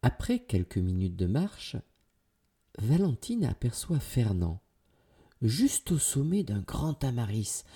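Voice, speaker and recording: A man narrating a children's story with an expressive, dramatic delivery. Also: fairly low pitch, slightly rough.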